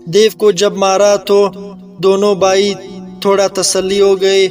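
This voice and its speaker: A man's voice: sits high, completely flat delivery, darkish tone, faint music behind. A man with a Pakistani Urdu accent casually telling a folk tale, with plain, conversational restarts. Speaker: storyteller. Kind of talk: casual oral storytelling.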